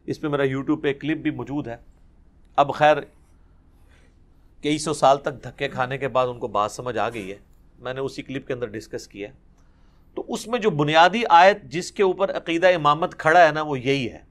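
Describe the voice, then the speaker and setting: A man giving a Quran commentary lecture, explaining verses, reciting Arabic and asking rhetorical questions. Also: medium pitch. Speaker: Islamic preacher.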